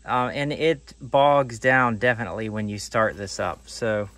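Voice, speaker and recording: This DIY channel host, a man in his forties, talks casually through a hands-on tool test, thinking aloud and restarting his sentences. His voice is lowish and fairly bright, with a measured pace. It's recorded close on a phone camera, outdoors on gravel and in a workshop.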